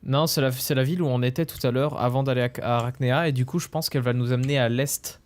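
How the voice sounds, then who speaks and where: Male gaming host, mid-pitched voice, casual group commentary. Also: fairly even intonation, fast talker. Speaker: video game playthrough host.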